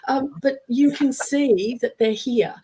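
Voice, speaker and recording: This middle-aged UK woman, a spiritualist medium and teacher, chats slowly in a high-sitting voice during a relaxed interview, the audio quality poor. Her throat sounds strained and tired, giving a croaky edge, yet she stays a warm storyteller who performs her students' quoted lines.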